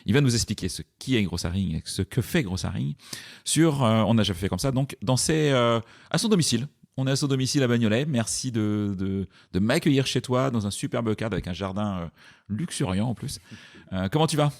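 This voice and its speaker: A man's voice: mid-range voice, lively intonation, brisk, gravelly, darkish tone. A man hosting a podcast interview, hesitating often with fillers and restarts. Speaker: podcast host.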